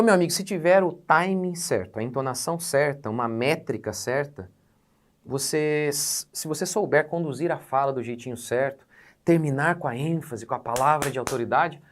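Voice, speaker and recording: A man's voice: a little high, fairly quick. A Brazilian man in his forties, a pastor teaching in a sermon, emphatic, posing rhetorical questions and swelling on key words. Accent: Brazilian Portuguese. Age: 40s.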